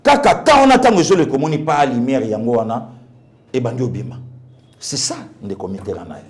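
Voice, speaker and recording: This guest pastor's political commentary is impassioned and emphatic, with repeated phrases and rhetorical questions, in a Congolese accent. The man talks fast in an animated, mid-range voice.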